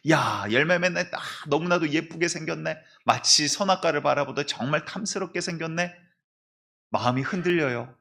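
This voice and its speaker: Gravelly Korean pastor preaching animatedly. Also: male voice, a little high, moderate pace. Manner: animated storytelling, acting out biblical voices. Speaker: senior pastor. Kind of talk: sermon. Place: church sanctuary.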